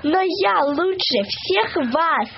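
Woman doing a shrill, snide talking backside. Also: expressive, slow pace, creaky, highs cut off, a little hiss or hum, exaggerated voice.

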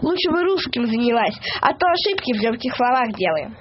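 A woman's voice: a little high, big pitch swings, fairly quick, lo-fi sound, slight background noise. A woman voicing a talking brain that grumbles sarcastically, in a story read on the radio. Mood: grumbling.

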